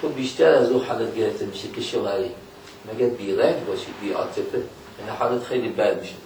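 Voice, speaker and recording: A man preaching a religious lecture, speaking in a folksy way, questioning his listeners directly and quoting scripture in a slow, measured cadence. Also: on the low side, a little mellow, slight background noise.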